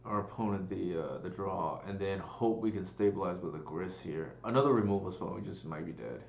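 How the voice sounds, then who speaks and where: Low-voiced man mulling plays on stream. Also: fairly quick, gravelly, darkish tone, roomy sound, dull audio, a little hiss or hum. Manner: thinking aloud, hesitant with many fillers. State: burping and coughing at times. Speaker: streamer playing a card game. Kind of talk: casual live-stream commentary.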